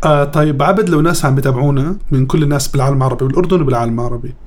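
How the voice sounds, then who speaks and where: A man's voice: medium pitch, racing, darkish tone. A man with a Jordanian Arabic accent hosting a podcast in a casual, conversational interviewing style. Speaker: podcast host.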